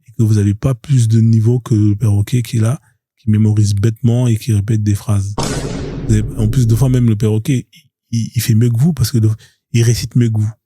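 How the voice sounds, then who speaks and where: A man's voice: on the low side, level tone, fairly quick, mellow, slightly rough, no echo. A man hosting a live stream, talking in a mocking, confrontational way, repeating his points over and over. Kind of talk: provocative live stream monologue.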